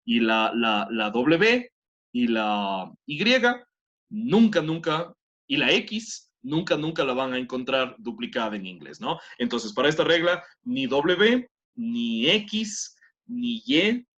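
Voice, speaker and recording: A man's voice: mid-range voice, fairly bright tone. Latin American man teaching English, muffled. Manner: explains step by step, frequent "¿no es cierto?" tag questions. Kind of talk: online class lecture.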